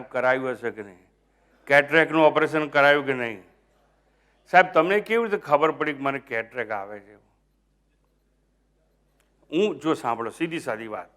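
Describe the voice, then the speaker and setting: An older man with a Gujarati accent giving a spiritual discourse, questioning his listeners and slipping in English phrases, moving between soft murmurs and loud emphatic points. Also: mid-range voice. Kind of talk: sermon.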